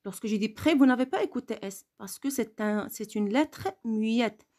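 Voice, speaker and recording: A woman teaching a French grammar lesson. She speaks slowly and repeats key words and letters to stress how they are pronounced. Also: fairly high pitch, a little mellow.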